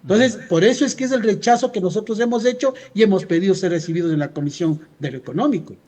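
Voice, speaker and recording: A man's voice: high voice, fast, darkish tone. An Ecuadorian man speaking as a union leader in a radio interview, arguing emphatically and often posing rhetorical questions. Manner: emphatic, insistent, rhetorical questions answered himself. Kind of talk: radio interview, argumentative commentary.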